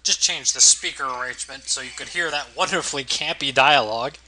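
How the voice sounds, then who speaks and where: A man's voice: medium pitch, a little fast, noisy background. A man giving casual let's play commentary as host, with wry, amused understatement. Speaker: gaming video host.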